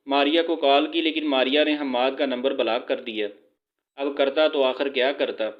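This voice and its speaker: A man narrating a scripted story in a steady, even reading. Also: medium pitch, lo-fi sound.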